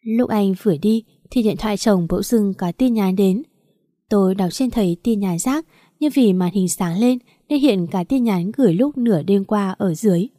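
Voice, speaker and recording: A woman reading a first-person story aloud in a steady narrating voice. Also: medium pitch, moderate pace, no echo, studio quality.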